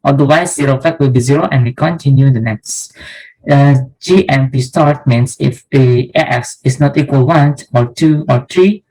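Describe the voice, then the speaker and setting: A man's voice: medium pitch, moderate pace, warm tone, low-quality recording. A young man from Indonesia, a student, methodically explaining code step by step in a class presentation. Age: young adult.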